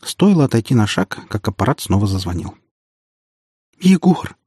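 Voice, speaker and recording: A man narrates a first-person audiobook in a steady, matter-of-fact way. His voice is fairly low and husky. The recording is close and dry with no room sound. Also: fast, no echo.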